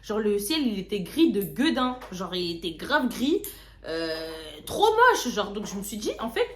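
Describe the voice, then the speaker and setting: A young woman vlogger casually telling a story, slangy and lively, often repeating words. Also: mid-range voice, measured pace. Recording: roomy echo.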